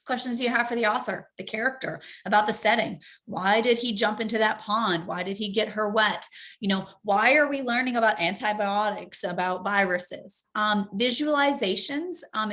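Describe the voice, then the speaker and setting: Lady teacher trainer walking through a reading strategy, lots of ums, mid-pitched. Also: fairly bright tone. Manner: practical, repeats key points, frequent ums. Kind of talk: professional development talk.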